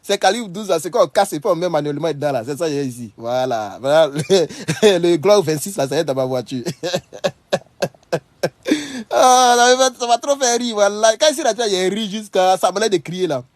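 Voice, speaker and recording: A man with a fairly high voice gives loose, animated commentary to his online followers. He circles back over the same phrases and breaks into laughter. The recording is dry and close. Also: quick pace, few pauses, no echo. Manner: animated, repetitive, laughs often while talking. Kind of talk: casual storytelling and commentary to followers.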